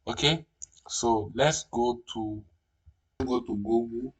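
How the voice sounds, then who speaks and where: Speaking slowly in a mid-range voice, a tutorial host whose native language is French walks through a screen recording, often restarting and using fillers. He sits far from the mic.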